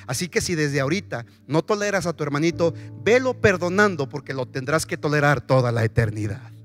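A male pastor preaches animatedly in a church, often putting questions to the congregation. His voice is on the high side.

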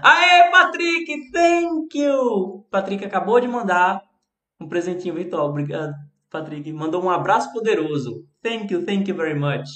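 With a high-sitting voice and moderate pace, a Brazilian Portuguese-accented man teaches English in a chatty live stream. He responds to viewers by name, and the audio carries a roomy echo.

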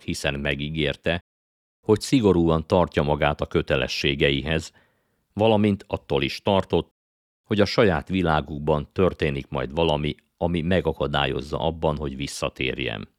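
A man narrating a children's story aloud in a calm, even storytelling manner. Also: very deep voice, no echo, studio quality. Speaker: audiobook narrator. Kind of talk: scripted narration. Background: faint guitar music.

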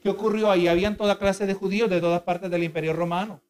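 A man's voice: high-pitched, fairly even intonation, fast, a little mellow, clear, resonant tone, faint music behind. A male preacher giving a sermon, earnest and explanatory, who keeps asking the congregation for agreement. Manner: asks the congregation for agreement again and again; earnest, explanatory, with repeated restarts.

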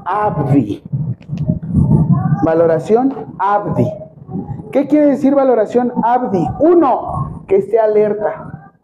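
Joking Mexican first aid instructor. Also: male voice, high-pitched, slow pace, long pauses. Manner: joking, lively, addresses group directly. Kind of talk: hands-on first aid class. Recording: dull, noisy recording.

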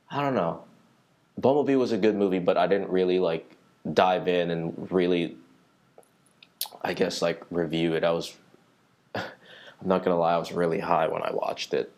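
Low-voiced young man, slangy podcast rambling. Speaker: solo podcast host. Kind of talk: casual solo podcast chat. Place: small conference room in a library.

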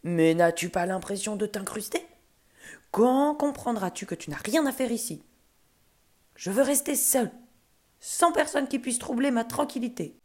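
A woman reading a storybook and voicing a grumpy, short-tempered male ogre who barks his lines loudly. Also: medium pitch, brisk, close to an everyday voice. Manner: loud, barking commands.

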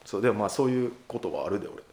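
Fast-talking Kansai man, lively voice. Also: fairly low pitch, roomy sound, a crowd in the background. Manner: rambling, self-correcting, laughs easily. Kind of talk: casual chat.

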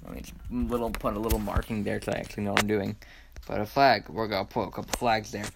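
A man's voice: lowish voice, little pitch movement, quick pace, creaky, noisy background. A man co-hosting a casual podcast, rambling with many fillers and restarts, often breaking into laughter. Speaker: podcast co-host. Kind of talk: casual chat.

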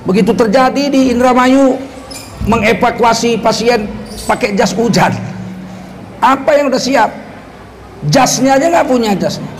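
Very high-pitched and measured, this male Islamic preacher leaves long pauses as he speaks. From North Sumatra, Indonesia, he gives a religious talk studded with sarcastic political commentary and rhetorical questions to the audience. The low-quality recording carries a little hiss or hum.

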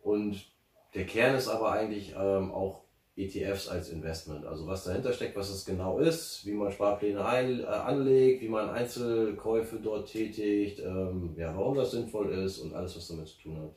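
A man's voice: lowish voice, moderate pace, a little mellow. A man being interviewed, talking casually and rambling with many fillers and restarts. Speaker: interview guest, finance blogger. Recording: roomy, distant from mic.

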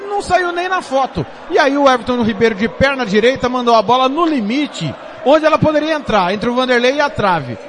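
A man's voice: very high-pitched, animated, a little fast. A man giving live radio football commentary as an analyst, emphatic and raised in voice. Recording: loud crowd and stadium noise.

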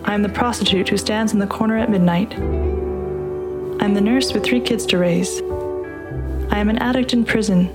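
A woman reading a narrative piece aloud and introducing the program in a measured, deliberate way. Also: medium pitch, steady tone. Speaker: podcast host and reader. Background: music underneath.

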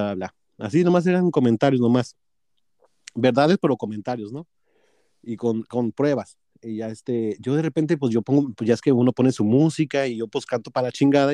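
A man's voice: mid-range voice, mellow, no echo. A man with a Mexican accent telling a workplace story in casual chat, profane and gossipy, acting out both sides of a quarrel.

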